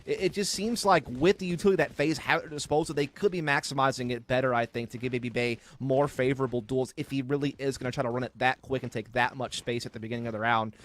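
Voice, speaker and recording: A man's voice: medium pitch, fairly even intonation, quick pace, hardly any pauses. Analytical male esports caster. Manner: analytical, conversational. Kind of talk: color commentary.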